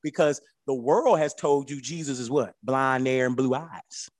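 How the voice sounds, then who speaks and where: A man leading a Bible study, animated, swinging between low asides and excited high peaks. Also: unhurried, no echo, clean studio sound.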